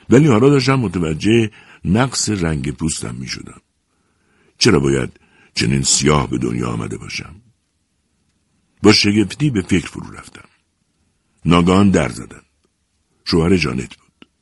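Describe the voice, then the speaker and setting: A man's voice: sits low, husky, no echo, clean studio sound. A man reading a first-person story aloud and voicing its characters with expression. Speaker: narrator.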